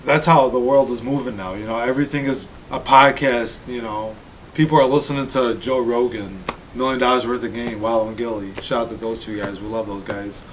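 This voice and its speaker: Brief: 30-year-old male podcast co-host, mid-pitched, laid-back, faint rumble under the voice. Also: fairly even intonation, rough recording. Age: 30s. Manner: laid-back, laughs readily, halting restarts. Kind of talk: casual chat.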